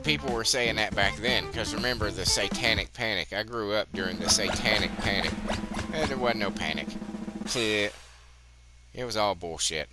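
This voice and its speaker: A man's voice: on the low side, moderate pace, loud music behind the voice. A man in his fifties hosting his gaming channel, rambling profanely in casual commentary, his voice a bit muffled by a cigarette. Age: 50s. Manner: rambling, profane, chatty asides.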